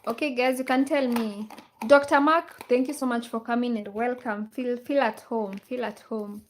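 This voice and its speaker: During a casual livestream, a Kenyan host talks to her viewers at normal speed, her voice a little high and steady in tone. She reads viewer comments out loud and restates her questions to the audience.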